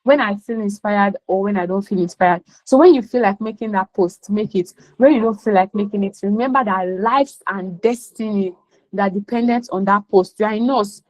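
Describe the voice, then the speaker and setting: A woman's voice: medium pitch, normal speed, a little mellow, low-quality recording. A woman with a Nigerian accent gives an emphatic motivational class talk as a career coach, slipping in Pidgin phrases.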